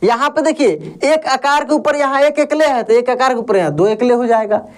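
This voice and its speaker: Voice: high voice, fairly quick. A teacher, giving a beginner lesson, who asks the class questions and answers them, and drills letter sounds over and over. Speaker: Hindi reading teacher.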